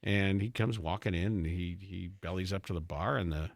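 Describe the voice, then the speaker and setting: A man's voice: sits low, normal speed, gravelly, no room sound, clean studio sound. A man co-hosting a sports podcast in casual chat, joking and repeating words as he talks. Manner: chatty, tells jokes, stumbles and repeats words.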